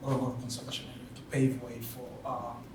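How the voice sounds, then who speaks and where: A man speaking from the audience at a panel, halting and searching for words with many fillers. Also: mid-range voice, monotone, darkish tone. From Tanzania. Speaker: audience member. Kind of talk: spoken remarks at a panel discussion. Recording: very echoey hall from far off, noisy.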